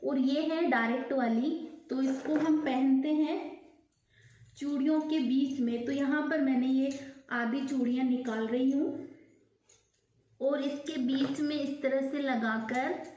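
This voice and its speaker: A high-pitched woman walks viewers through each piece step by step, unhurried and patient in her pacing. Her voice is mellow and soft-edged, and it rings a little in an echoey room at home. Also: fairly even intonation, dull audio, a little hiss or hum. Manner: slow step-by-step explaining. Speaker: vlogger.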